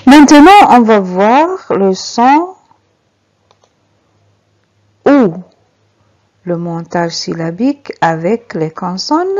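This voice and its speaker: Very slow, lively woman teacher spelling syllables. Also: medium pitch. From Algeria. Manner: spells out letters and syllables, repeats each word. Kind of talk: reading lesson for beginners. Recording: slightly dull lo-fi recording.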